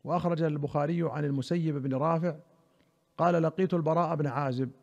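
Measured man on a muffled radio recording. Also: fairly high pitch, steady tone, creaky, darkish tone. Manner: careful, deliberate, slows down on key words. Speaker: radio presenter and religious scholar. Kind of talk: measured reading and explanation of classical texts.

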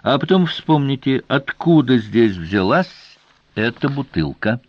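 A man voicing a shrewd male royal guardian who speaks with measured, elaborate politeness, in a dry, slightly dull audiobook recording. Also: medium pitch, sing-song, dry recording. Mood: warning.

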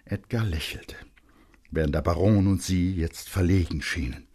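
In a low voice, a man narrates a literary story with dramatic intensity, using pointed pauses and letting phrases sink into a hush.

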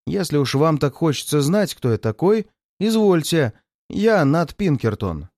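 A man doing a calm, resolute detective. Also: on the high side, no room sound, studio quality. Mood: calm firm. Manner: calm, firm, measured.

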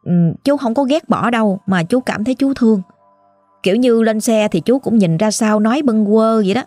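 A woman's voice: fairly high pitch, normal speed, a little mellow, no echo, faint music behind. A woman with a Southern Vietnamese accent narrating a ghost story in a chatty, exclaiming way, talking straight to her listeners.

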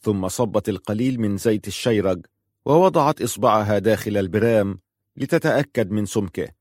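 Male audiobook narrator, low voice, measured, dry close sound. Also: darkish tone, no room sound. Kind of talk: scripted narration.

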